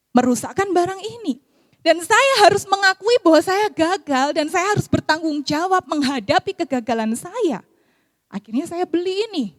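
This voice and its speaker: A woman, preaching and counseling in a lively sermon style. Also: very high voice, dry recording, studio quality. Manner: lively, acts out quoted voices. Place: church.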